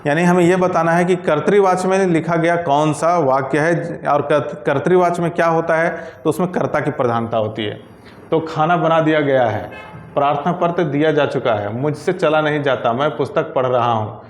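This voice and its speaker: A man with a fairly high voice teaches Hindi grammar at a moderate pace, methodically working through each exam question and saying every correct option aloud. There is noticeable room echo.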